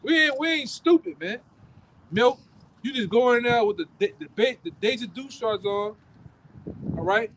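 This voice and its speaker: Man, street preacher, very high voice, forceful and repetitive, faint street noise. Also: normal speed, long pauses, rough recording. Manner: forceful, repetitive, profane, ends phrases with "man". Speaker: street preacher leading the camp.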